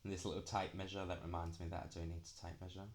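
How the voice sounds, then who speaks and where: A man's voice: sits low, level tone, quick pace. A young man chatting casually through a craft walkthrough, dragging out his s sounds. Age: young adult. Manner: drags out the s sounds. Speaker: craft planner vlogger.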